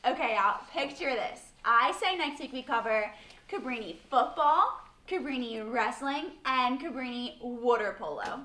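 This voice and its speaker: Bubbly high-voiced young woman. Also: lively intonation, unhurried, bright, forceful tone, echoey room. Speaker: student show co-host. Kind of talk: comic sketch banter.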